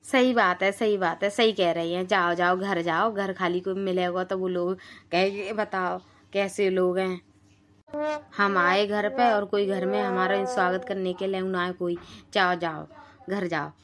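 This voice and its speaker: A woman's voice: mid-range voice, fairly even intonation, a little slow, fairly bright tone, close to an everyday voice. A woman voicing a teasing young village sister-in-law in a cartoon. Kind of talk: cartoon dialogue.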